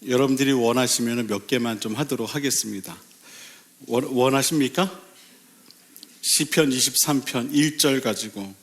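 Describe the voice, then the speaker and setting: A male pastor giving a Sunday sermon in a church, asking the congregation questions and lifting his pitch to stress key phrases. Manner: lively, asks the congregation rhetorical questions; sudden pitch lifts for emphasis, slows on key phrases. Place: church sanctuary.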